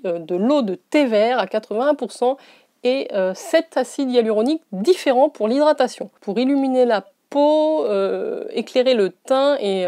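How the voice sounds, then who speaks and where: A woman's voice: a little high, mellow, no room sound. A woman beauty vlogger chatting casually while unboxing, rambling with frequent hesitations.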